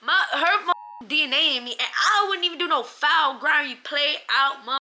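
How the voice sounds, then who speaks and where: A young-sounding woman spins a storytime for her phone camera, her tone very bright and a touch high. She talks in lively slang, cursing freely and acting out every quote. A faint hiss sits under the recording. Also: normal speed. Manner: animated, slangy, swears a lot, acts out quotes. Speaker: storyteller vlogger. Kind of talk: casual storytime vlog.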